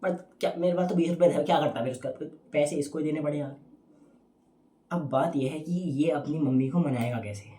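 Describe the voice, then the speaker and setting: A man's voice: fairly high pitch, fairly quick, dark tone, slight background noise. A young man doing stand-up, telling a rambling, casual story full of restarts. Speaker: stand-up comedian. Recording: roomy echo with faint ambience.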